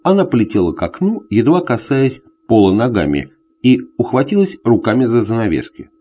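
A man reads a short story aloud with a dark, mellow, slightly husky voice. His pitch rises and falls freely with the story, and the recording sounds dull and lo-fi. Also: brisk, slight background noise. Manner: expressive literary storytelling. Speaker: audiobook reader. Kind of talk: scripted narration.

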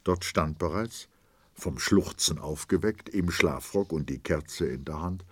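A man narrating a literary story as an audiobook, reading expressively and dramatically, dropping to a hush at times. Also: deep voice, unhurried, husky, no room sound.

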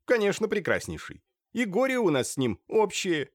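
Shrill spiteful matron, voiced by a man. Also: huge pitch swings, normal speed, no echo, clean studio sound. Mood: furious, spiteful. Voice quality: shrill, screeching. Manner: venomous insults, theatrical outbursts. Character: shrill hysterical middle-aged woman, spiteful mother.

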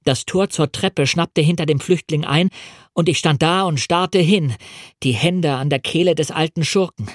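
A man reading a novel aloud as an audiobook in a measured, dramatic first-person storytelling manner, in a studio. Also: on the high side, no echo. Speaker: audiobook reader. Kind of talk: scripted audiobook narration.

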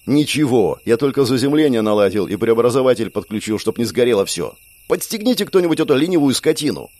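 A man doing a frantic shouting engineer. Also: medium pitch, big pitch swings, fast. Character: excitable male engineer shouting over machines.

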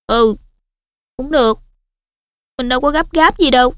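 A woman voicing an anxious, high-strung teenage schoolgirl in an audiobook. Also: a little slow, fairly bright tone, no room sound, studio quality. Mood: weary. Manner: fretful, high-strung, insistent.

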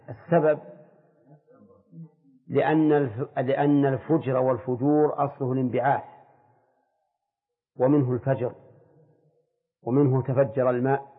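Older sheikh teaching a class, husky voice, tinny old tape. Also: male voice, mid-range voice, long reverb tail. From Saudi Arabia. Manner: questions the students, explains slowly. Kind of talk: classroom lecture on fiqh.

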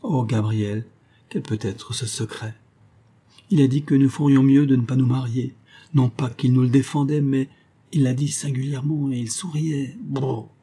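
A man voicing a young frightened noblewoman in love in a storybook reading, speaking in an anxious, hushed, pleading way. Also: mid-range voice, fairly even intonation, moderate pace, husky, voice pushed up, close to an everyday voice.

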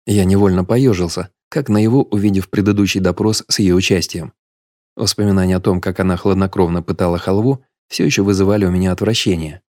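Male audiobook narrator, very low voice, dark tone, steady measured reading, dry recording. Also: dry recording.

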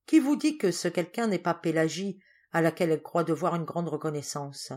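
A woman's voice: lowish voice, fairly quick, a little mellow, natural voice. A woman reading the part of an impassioned young man pleading with his father, in a fervent, declamatory way. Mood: indignant.

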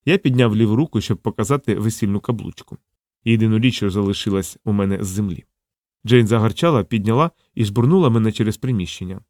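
A man's voice: fairly low pitch, quick pace, a little mellow, no echo. Man narrating an audiobook, dry studio sound.

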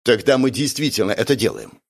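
A man narrating voices a shaken young man who speaks in hushed, breathless words. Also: medium pitch, animated, fairly quick, vocal fry, husky.

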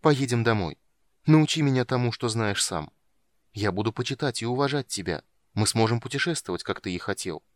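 A man voicing a distraught young male apprentice mage who pleads and shouts in a raised voice. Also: mid-range voice, expressive, fairly quick, dry recording, natural voice. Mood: pleading. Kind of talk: audiobook character reading.

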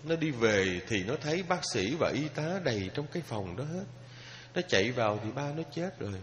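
A man giving a Buddhist dharma talk as a sermon, telling a story with emotion and pausing at length as he speaks straight to his listeners. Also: mid-range voice, sing-song, a bit bright. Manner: emotional storytelling, drawn-out pauses, addresses listeners directly. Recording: lo-fi recording with long hall reverb, faint noise.

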